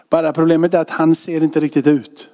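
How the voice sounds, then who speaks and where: A male pastor preaches in a church, his voice pitched somewhat high but with a dark, mellow tone. He talks to the congregation in a loose, conversational manner and keeps checking that they follow along. The sound carries a long reverb from the church hall. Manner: conversational preaching with rhetorical questions. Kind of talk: sermon.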